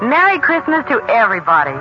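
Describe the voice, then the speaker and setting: An actress playing an affectionate young heroine, soft-spoken, in old-time radio acting. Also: female voice, on the high side, sing-song, fast, muffled recording, loud music behind the voice. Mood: tender. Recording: scratchy old radio recording with hiss.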